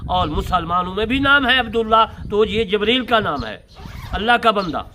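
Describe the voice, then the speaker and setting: Emphatic high-pitched male preacher. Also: expressive, normal speed, background noise. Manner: emphatic, draws out key words, repeats points. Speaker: Islamic preacher explaining scripture commentary. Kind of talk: sermon-style religious lecture.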